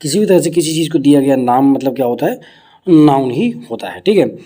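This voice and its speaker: Dark-voiced Hindi-accented male teacher. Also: mid-range voice, lively intonation, brisk. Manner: explains step by step with rhetorical questions. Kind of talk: exam-prep grammar lesson.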